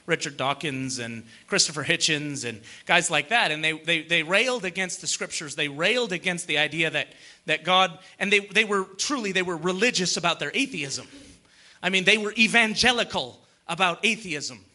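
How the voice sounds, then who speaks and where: A man's voice: on the high side, bright, forceful tone. A man preaching a sermon in a conversational way, full of emphatic rhetorical questions and repeated phrases.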